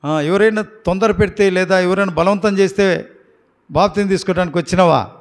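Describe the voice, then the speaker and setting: High-pitched male pastor from Andhra Pradesh; firm, coaxing questioner at a baptism. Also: a little fast. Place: prayer house.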